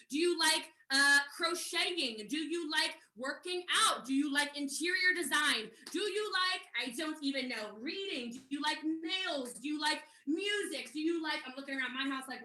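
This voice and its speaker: A high-voiced American woman leads a live online network marketing training from home. She talks fast, chatty and direct, and her bright voice carries a noticeable room echo. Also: expressive. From United States.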